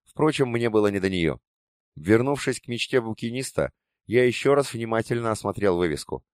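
A man reading a fantasy novel aloud in first person, with measured, even storytelling on a close studio mic. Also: lowish voice, no echo. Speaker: audiobook narrator. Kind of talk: first-person audiobook narration.

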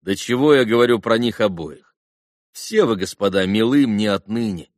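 An earnest, heartfelt young orator from an audiobook, read by a man. The voice sits low and sounds close and dry, with no room around it. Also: animated, moderate pace, no room sound, natural voice. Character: earnest young man addressing boys at a graveside. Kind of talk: audiobook reading.

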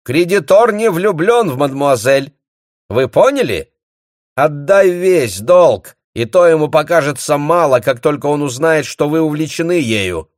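Loud brusque bailiff voiced by a man, raised high and barking, audiobook. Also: very animated, unhurried, no echo, studio quality. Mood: scornful shouting. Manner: barking, emphatic.

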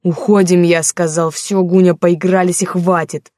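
A woman reading the part of a gruff young male gang leader giving curt orders in an audiobook. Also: lowish voice, level tone, moderate pace, mellow, no echo, studio quality, natural voice. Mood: commanding. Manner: curt, commanding.

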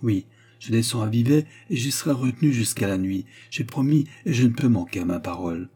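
A man's voice: medium pitch, animated, a little fast, dark tone, husky, faint music behind. A man voicing a polite but stubborn young man defending himself. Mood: earnest.

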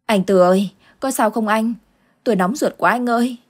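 A woman's voice: a little high, moderate pace, pitched above the performer's own voice, close to an everyday voice. A woman voicing a frightened village mother, pleading and distraught, in an audio ghost story. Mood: anxious.

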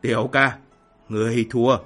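A man putting on a slow, gloating old fire master. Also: mid-range voice, flat delivery, a bit bright, soft background music, pitched below the performer's own voice, natural voice. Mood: mocking. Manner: slow, drawn-out mocking laughter. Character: boastful old male fire cultivator, playful, taunting. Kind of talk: audiobook character voicing.

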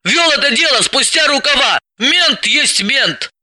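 A man's voice: very high-pitched, animated, a little slow, sharp tone, no room sound, pitched above the performer's own voice, exaggerated voice. A man reading an audiobook, voicing a bossy, sardonic woman psychoanalyst who gives orders and mocks. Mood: triumphant.

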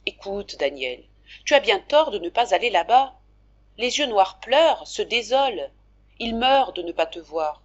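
A woman voicing a gentle, caring young man who scolds his brother softly and affectionately, in a storybook reading. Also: medium pitch, sing-song, normal speed, muffled recording. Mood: coaxing.

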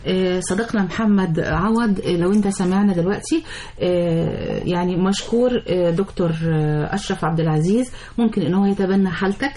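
A woman with an Egyptian accent hosting a live call-in radio show, polite and brisk as she steers the callers. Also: lowish voice, mellow, slight background noise. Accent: Egyptian Arabic.

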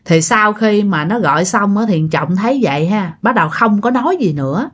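A woman's voice: mid-range voice, animated, fairly quick, slightly rough. A woman telling a ghost story casually, chatting directly to her listeners.

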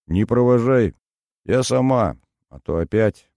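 A man's voice: medium pitch, sing-song, slow pace, dark tone, no echo, pitched above the performer's own voice. A man voicing a trembling tearful young woman. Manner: pleading, breathless, voice trembling.

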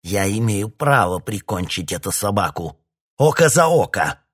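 A man reading an audiobook, voicing a crazed, vengeful older male colonel who hisses and bursts into shouts. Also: fairly low pitch, animated, unhurried, breathy edge, full character voice. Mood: hissing menace. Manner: hissing, then bursting into shouts.

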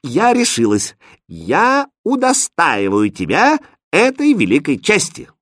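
A man voicing a haughty, capricious young princess in a storybook reading, speaking in imperious, shrill outbursts. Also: wildly swooping pitch, takes it slowly, fairly bright tone, dry recording, studio quality, exaggerated voice. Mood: flustered.

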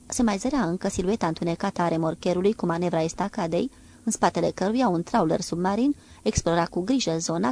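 Audiobook narrator, female, steady and measured, with some vocal fry. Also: fairly low pitch. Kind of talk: audiobook narration of a naval novel.

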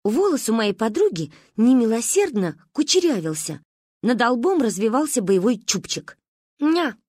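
A woman reading a children's story aloud in a lively, expressive way. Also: a little high, moderate pace, breathy edge, no room sound, clean studio sound. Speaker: audiobook reader. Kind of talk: storybook narration.

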